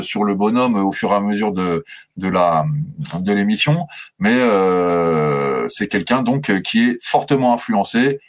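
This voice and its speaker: A man co-hosting a film podcast, talking hesitantly with many fillers and restarts. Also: fairly low pitch. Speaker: podcast co-host.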